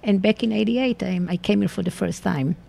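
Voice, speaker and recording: A longtime member of a theater company, an Israeli woman with an Israeli accent, reminisces in an interview and searches for words as she speaks. Her mid-range voice is dark, fairly quick, and has vocal fry.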